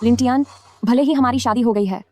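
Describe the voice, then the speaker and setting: A woman's voice: on the high side, brisk, darkish tone, natural voice. A woman voicing a proud, bossy young wife in a dubbed drama, with music behind. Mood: haughty. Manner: haughty, commanding. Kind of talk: Hindi-dubbed short drama. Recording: voice over music.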